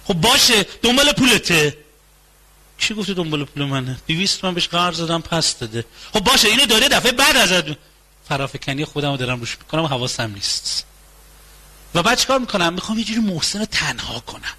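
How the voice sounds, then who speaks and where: A man giving a conversational talk on marriage, acting out both spouses in quick back-and-forth dialogue with repetitive phrasing. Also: high-pitched, very animated, sharp tone, rough recording. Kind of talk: lecture on relationships.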